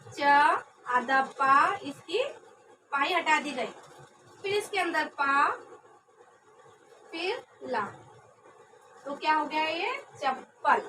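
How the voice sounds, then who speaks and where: A young woman trainee teacher giving a classroom lesson, speaking slowly, repeating words and answering her own questions. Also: very high voice, bright, forceful tone. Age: young adult. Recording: distant mic with background noise.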